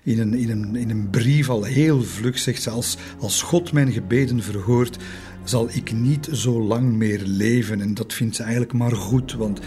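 A man's voice: mid-range voice, measured pace, dark tone, faint music behind. A man telling a history story in a conversational, hesitant way, with many fillers and tag questions. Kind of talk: casual spoken history narration.

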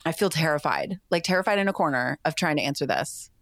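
A woman who is a guest on a podcast, talking in an animated, self-deprecating way during a party game. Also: deep voice, fast, no echo, clean studio sound. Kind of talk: casual chat.

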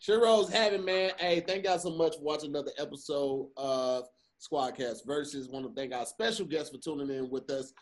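This is an American man with a notably high voice for a male speaker. He hosts a podcast, talking in loose, slangy banter with a group. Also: normal speed. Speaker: podcast host.

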